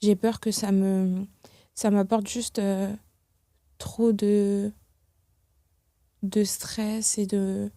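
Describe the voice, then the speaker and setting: A young woman from France, a podcast guest talking in a reflective, hesitant way with many pauses and restarts. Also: medium pitch, flat delivery, mellow, no echo, studio quality. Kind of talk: casual podcast conversation.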